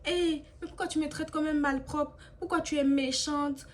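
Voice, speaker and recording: A woman voicing a pushy young man who makes soft, falsely apologetic excuses. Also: extremely high pitch, steady tone, normal speed, a little hiss or hum, voice pushed up. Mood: wheedling.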